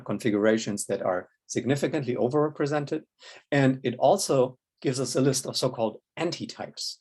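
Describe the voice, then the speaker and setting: A man's voice: medium pitch, a little mellow, breathy edge. Methodical male lecturer. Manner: methodical, frequent tag "yeah?" and "uh" fillers. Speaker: linguistics lecturer. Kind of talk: recorded academic lecture. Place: indoors, room near a window with rain outside.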